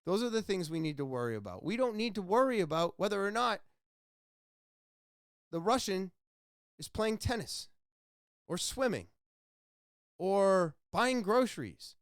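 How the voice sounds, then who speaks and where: A man hosting his own podcast, delivering an impassioned solo opinion monologue that swings between ranting and quiet somber talk. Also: high-pitched, very animated, measured pace, pauses often, clean tone, dry recording, clean studio sound. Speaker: podcast host.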